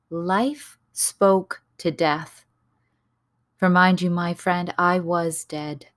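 Slow, hushed woman reading poetry. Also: on the low side, no echo, clean studio sound. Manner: slow, hushed and reverent, lingering on words. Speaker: reader of a narrative poem.

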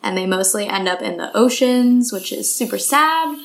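A woman's voice: medium pitch, expressive, moderate pace, vocal fry. A woman co-hosts a podcast with a bubbly, upbeat manner. Her voice sits in a middle range, and she chats casually and reads a sponsor spot. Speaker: podcast co-host. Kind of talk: casual podcast chat with ad read.

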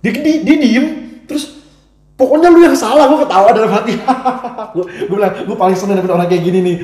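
A young man telling a story in casual chat, animated and acting out what others said, with frequent restarts. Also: high-pitched, quick pace. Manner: animated, acts out quoted voices, frequent restarts. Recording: echoey room.

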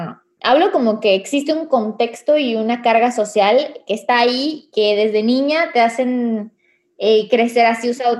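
A young woman talks frankly and animatedly, sprinkling her speech with fillers. Her voice sits high. The recording carries a noticeable room echo. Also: darkish tone. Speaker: podcast co-host. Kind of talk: casual chat.

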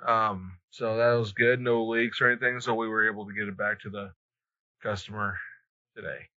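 On a slightly muffled, lo-fi recording, a male podcast host chats in a laid-back, hesitant way. His fairly low voice is flat yet bright and forceful, at normal speed.

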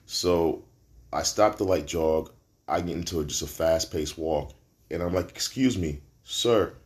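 A Brooklyn man with a New York accent and a very low, deep voice hosts his own podcast. He talks casually and slangy, with plenty of profanity, and his pitch jumps sharply upward when he lands a punchline. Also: flat delivery, unhurried, darkish tone. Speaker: podcast host. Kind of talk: casual solo podcast storytelling.

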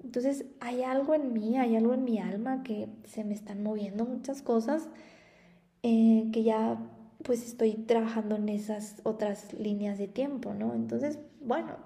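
A young woman with a Mexican Spanish accent tells stories on her podcast in a chatty, laughing way. Her voice sits a little high but sounds mellow and soft. The recording has a noticeable room echo. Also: steady tone, measured pace, creaky. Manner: chatty, warm storytelling with frequent laughs. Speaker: podcast host and spiritual therapist. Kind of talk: casual spoken monologue.

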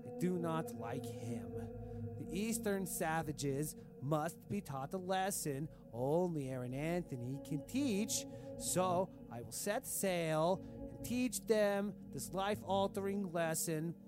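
Man voicing a bombastic tyrant king, slow and self-adoring, a little high, comedic storybook villain, music underneath. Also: animated. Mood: pompous. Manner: grandiose, broken formal grammar, slow. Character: cruel pompous self-adoring dictator king, adult man. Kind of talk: comedic audio diary reading.

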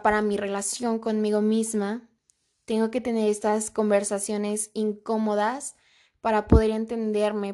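A young woman talking softly and candidly in a personal confessional vlog, reflective and full of fillers. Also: mid-range voice.

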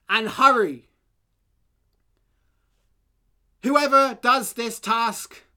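A woman voicing a stern, commanding king in a told folk tale, speaking loudly and slowly. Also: medium pitch, clear, resonant tone. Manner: loud, proclamatory.

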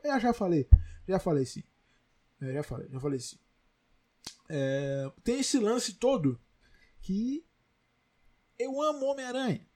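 Excitable husky Brazilian podcast host. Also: male voice, on the high side. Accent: Brazilian Portuguese. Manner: rambling, self-correcting, excitable. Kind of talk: casual chat.

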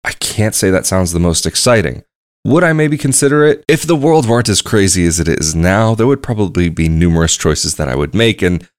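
This is a young adult man's casual solo monologue on his travel podcast, meandering and conversational as he thinks aloud. His voice is low-pitched, captured with clean studio sound and no room sound.

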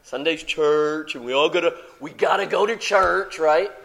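A man preaching a sermon in a church, playful and animated, moving from soft asides to excited outbursts. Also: on the high side, moderate pace, gravelly.

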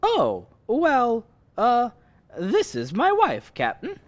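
An actor playing a good-natured, bumbling young husband with an eager, boyish manner in a radio comedy. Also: male voice, very high voice, wildly swooping pitch, takes it slowly, no echo, full character voice. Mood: puzzled. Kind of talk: old-fashioned radio comedy acting.

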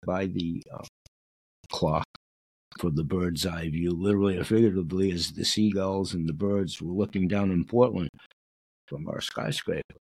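Low, gravelly man. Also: fairly even intonation, unhurried, pauses often, darkish tone, rough recording. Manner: digressive, repeats himself. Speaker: show host reading from a book. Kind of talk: reading aloud with casual rambling asides.

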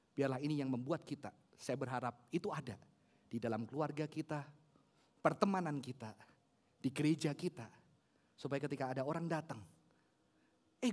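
A pastor delivering a sermon and prayer, earnest, dropping to hushed tones and rising to loud emotional peaks, mixing formal address with casual slang. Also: medium pitch, breathy edge.

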